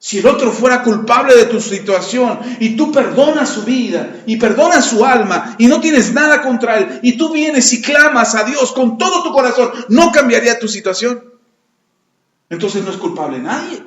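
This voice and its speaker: High-voiced pastor preaching in an echoey room. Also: male voice, normal speed. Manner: acts out quoted complaints in lively voices. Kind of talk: sermon. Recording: echoey, muffled lo-fi room recording.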